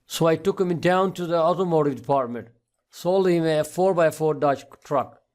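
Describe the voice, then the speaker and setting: A man's voice: on the high side, moderate pace, a little mellow, natural voice. A man voicing a young small-town salesman who explains things matter-of-factly in a told story. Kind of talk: storytelling dialogue.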